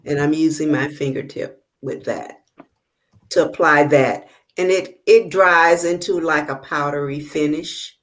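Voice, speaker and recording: Woman host, low voice, casual halting tutorial patter on a video call. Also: steady tone. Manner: halting, many fillers while working; checks the viewers can see. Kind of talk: casual live demonstration.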